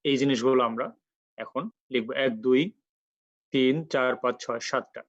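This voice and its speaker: A man teaching Quran recitation rules in an online lecture, explaining patiently step by step and repeating sounds slowly for practice. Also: mid-range voice, level tone, no echo, highs cut off.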